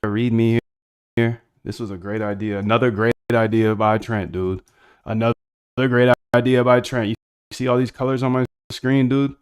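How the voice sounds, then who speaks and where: A man with a mid-range, steady voice talks at a normal speed, his tone clean. He's streaming while working on his screen, rambling in slang and chatting with his viewers in a casual screen-share.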